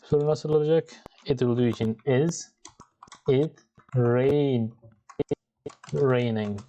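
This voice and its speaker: A man's voice: medium pitch, slow pace, mellow, lo-fi sound. A man teaching English grammar, explaining each exercise step by step. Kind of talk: bilingual grammar lesson.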